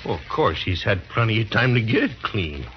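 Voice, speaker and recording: Hot-headed western troublemaker, swinging pitch. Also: male voice, sing-song, brisk. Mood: accusing. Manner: goading, accusatory. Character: hostile, hot-headed western townsman eager to lynch. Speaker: actor. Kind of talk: old western drama acting. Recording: dull lo-fi old recording with noise.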